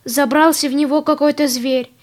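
A woman's voice: high-pitched, steady tone, moderate pace, a little mellow, natural voice. A woman voicing a timid, cowardly male hare in a storybook, speaking in a plaintive, complaining tone.

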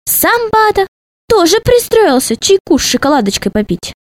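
A woman reads a children's story aloud in an expressive, playful way. Her voice sits high and swings widely in pitch. The recording is dry and close. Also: moderate pace, dry recording. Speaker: narrator.

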